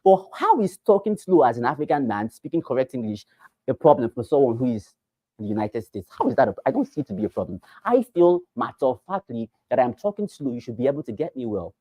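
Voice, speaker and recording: Speaking fast in a sing-song, mid-range voice, a Nigerian-accented trainer gives realtors a talk full of repeated points and rhetorical questions, shifting from loud bursts to quiet asides. The low-quality recording has no room sound.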